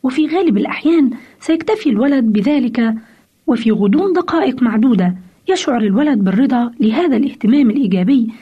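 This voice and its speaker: A woman's voice: a little high, lively intonation, fast talker, husky. A woman giving parenting advice in a scripted radio talk, speaking directly to the listener and asking rhetorical questions, on a dull lo-fi radio recording.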